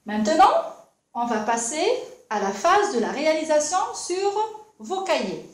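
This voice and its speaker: A high, lively female voice leads young children through a handwriting lesson at a patient, slow pace. She is heard from some way off the mic. The room around her adds a clear echo. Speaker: primary school teacher. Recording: echoey room, voice from a distance.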